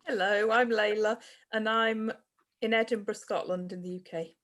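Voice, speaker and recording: A woman's voice: mid-range voice, steady tone, moderate pace, a bit bright. Wry Englishwoman on a video call. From England. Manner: understated, wry. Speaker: workshop participant.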